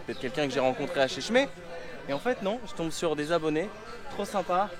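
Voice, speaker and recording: A man's voice: a little high, brisk, a crowd in the background. Tired, chatty man vlogging outdoors. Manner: relaxed, chatty, laughs often. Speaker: travel vlogger. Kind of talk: casual travel vlog chat. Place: outdoors in a town, at a street restaurant.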